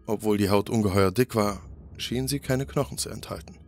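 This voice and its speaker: Man, horror story narration, steady and grave, lowish voice, soft music underneath. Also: brisk. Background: faint music.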